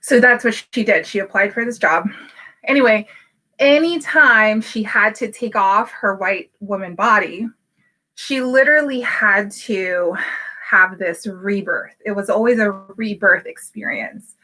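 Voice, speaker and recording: Woman in her thirties, business coach, candid, lots of fillers, bright tone. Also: mid-range voice, unhurried. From Hawaii, United States. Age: 30s. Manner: candid and personal, with frequent fillers. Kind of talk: casual motivational talk to camera.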